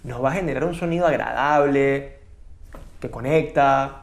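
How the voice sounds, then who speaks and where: A man, a guest talking as a speaking coach on a talk show, who deliberately varies his pace and pitch for effect. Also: gravelly. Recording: roomy echo.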